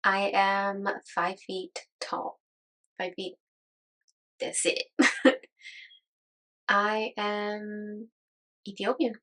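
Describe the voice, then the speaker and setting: A woman's voice: mid-range voice, completely flat delivery, drawn-out words, pauses often, a bit bright, low-quality recording. A woman in her thirties from Las Vegas who chats casually about herself in a get-to-know-me vlog. She laughs often and is amused at her own remarks. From Las Vegas, United States. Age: 30s. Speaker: YouTuber.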